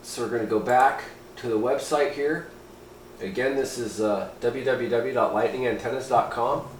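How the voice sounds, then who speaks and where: An amateur radio hobbyist reviews a piece of gear casually, partly reading aloud and partly making offhand, folksy comments. His voice is mid-range for a man at normal speed, in a roomy, echoing space with steady faint noise behind him.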